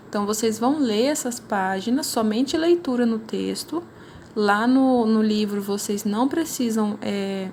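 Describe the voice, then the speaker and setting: A woman's voice: medium pitch, a little hiss or hum. A woman with a Brazilian accent, a primary school teacher patiently explaining worksheets in a recorded class, often ending with "né?". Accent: Brazilian Portuguese. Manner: patient, explanatory, frequent "né?" tags.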